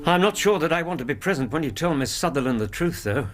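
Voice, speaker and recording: An actor playing a loyal, decent Victorian English doctor in a radio drama, earnest and gentlemanly in dialogue and narration. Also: male voice, fairly high pitch, lively intonation, fast, music in the background, natural voice. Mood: hearty, indignant.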